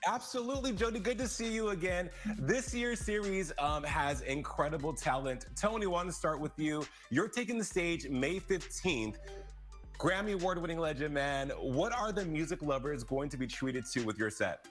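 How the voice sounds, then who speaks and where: A man's voice: a little high, lively intonation, normal speed, faint music behind. A young man hosting a TV interview over a video call from his living room, enthusiastic and drawing out words for emphasis. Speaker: TV host. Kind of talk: upbeat TV interview.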